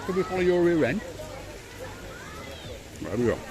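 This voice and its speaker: A man's voice: high-pitched, very animated, moderate pace. An older man giving an enthusiastic walk-around commentary of a hotel, repeating his praise as he goes. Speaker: vlogger touring a hotel. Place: outdoors and indoors in a hotel, walking.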